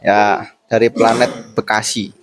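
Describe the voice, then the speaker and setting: A man's voice: fairly low pitch, little pitch movement, takes it slowly, no echo. Young male host from Boyolali, playful schoolboy banter, dry close sound. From Boyolali, Central Java. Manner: playful, jokey, mixes in Javanese words. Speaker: host interviewing classmates. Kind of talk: casual school interview chat.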